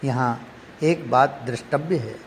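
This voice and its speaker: A man preaching a devotional story in a measured, emotive way, often addressing the listener directly. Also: medium pitch. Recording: long hall reverb, faint background noise.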